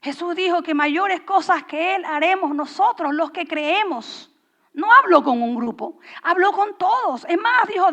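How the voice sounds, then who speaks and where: High-pitched gravelly woman pastor. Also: lo-fi sound. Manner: storytelling, animated and conversational, acting out dialogue. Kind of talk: sermon.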